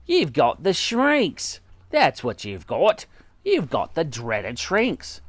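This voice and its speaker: A man's voice: fairly high pitch, wildly swooping pitch, takes it slowly, fairly bright tone, dry recording, heavily acted. A man voicing a mean, scheming old husband in a storybook, gloating with taunting emphasis and mock solemnity.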